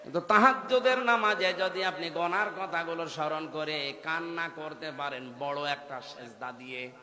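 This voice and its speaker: Fervent preacher man in echoey hall. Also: moderate pace. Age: 30s. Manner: swings from low murmurs to loud chanted peaks. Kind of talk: Bengali waz sermon with chanted passages. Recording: echoey hall with long reverb.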